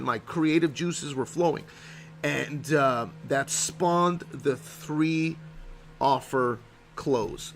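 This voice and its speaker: A man's voice: mid-range voice, fairly bright tone. A man, a real estate investor, talking casually to camera in a brash, profane way and often checking in with "okay?". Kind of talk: casual vlog talk to camera.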